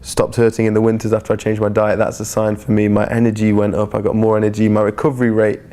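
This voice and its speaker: A man's voice: fairly low pitch, completely flat delivery, fast talker, mellow. A man, a professional free runner talking reflectively in a documentary interview. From England. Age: 30s.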